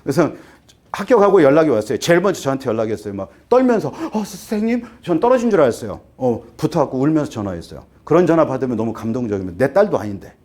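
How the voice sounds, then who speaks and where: An academy teacher in his fifties briefs parents in a lively lecture, firing off rhetorical questions and acting out both students and parents. His medium-pitched voice comes rapid-fire, and he gets so worked up that he trips over his words.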